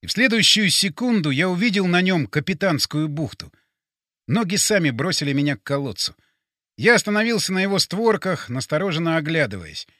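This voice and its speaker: A man narrating a first-person audiobook, tense and urgent, with sharp emotional swings. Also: a little high, very animated, brisk, no room sound, studio quality.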